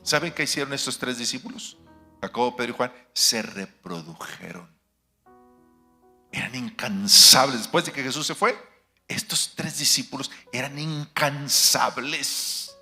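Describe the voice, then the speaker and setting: A male pastor with a very bright, forceful voice delivers an emphatic sermon in a church. He peppers the congregation with rhetorical questions and moves between booming declarations and quiet asides. Soft instrumental music plays underneath. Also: a little slow. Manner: swings between loud declarations and hushed asides. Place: church sanctuary.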